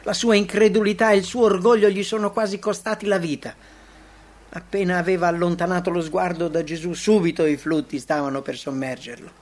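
A man narrating a devotional story aloud, expressive, with big swings in pitch and loudness. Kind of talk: dramatic reading of a devotional story.

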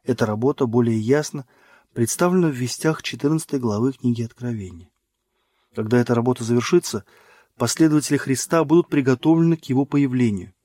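A man narrating a religious book in a measured, solemn reading. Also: mid-range voice, dark tone, dry recording, clean studio sound. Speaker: audiobook narrator.

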